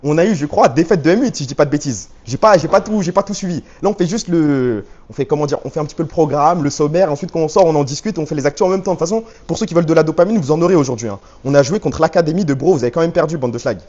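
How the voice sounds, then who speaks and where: A man's voice: a little high, racing, hardly any pauses, a little mellow, dull audio. A man live streaming on a handheld phone rig, bantering in slang with his viewers and reading their chat messages aloud. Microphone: handheld phone rig with stabilizer.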